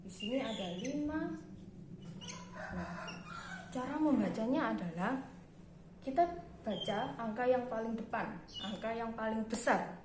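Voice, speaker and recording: A young woman teacher patiently explaining a primary school math lesson step by step. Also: a little high. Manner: slow, patient explaining with frequent "nah". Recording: echoey room with background noise.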